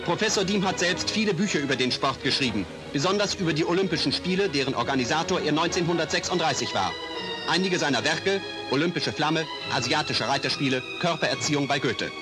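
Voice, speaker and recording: A man's voice: a little high, lively intonation, quick pace. A man announcing in a formal 1950s newsreel narration style, heard as an old newsreel soundtrack. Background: music.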